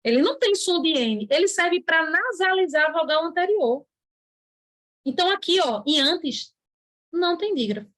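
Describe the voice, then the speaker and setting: A woman with a high voice gives an online grammar lesson. She explains patiently and stretches the words she wants to stress, now and then voicing a student's question herself. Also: lively intonation, normal speed, a bit bright. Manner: writes on a board while talking. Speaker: teacher.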